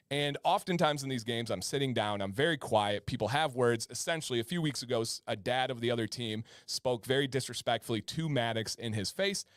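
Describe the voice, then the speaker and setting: A man in his thirties hosts a live-stream chat show, chatty and given to repeating words and restarting sentences. His medium-pitched voice is studio quality with no echo.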